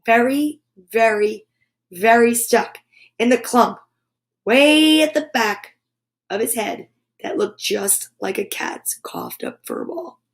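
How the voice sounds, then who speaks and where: A woman with a fairly high voice and huge swings in pitch leads a kids' storytime, reading a picture book with playful, stretched-out sound effects and words said again and again.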